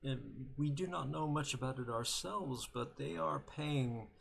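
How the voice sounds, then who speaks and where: An earnest young adventurer, as a man plays him in a tabletop game, asking careful, courteous questions. The voice is gravelly and unhurried. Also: mid-range voice, pitched above the performer's own voice. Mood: puzzled. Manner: polite, searching questions.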